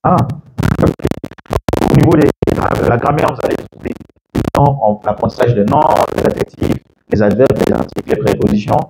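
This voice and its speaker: A man teaching English to a class of students, lively and full of questions to the room, laughing often. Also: medium pitch, normal speed. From Ivory Coast. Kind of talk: classroom masterclass. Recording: echoey room with faint background noise.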